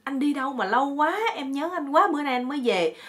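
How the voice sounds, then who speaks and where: A woman's voice: medium pitch, animated, fairly quick, natural voice. A woman voicing an affectionate young wife with a coaxing, pleading way of talking. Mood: loving.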